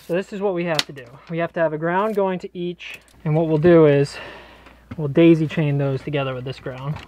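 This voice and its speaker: A man's voice: on the high side, fairly even intonation, fairly quick, dark tone, a little hiss or hum. Man explaining wiring in a basement. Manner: casual, explanatory, joking. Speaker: electrician host. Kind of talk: explaining on-the-job wiring to camera. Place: cramped basement crawl space.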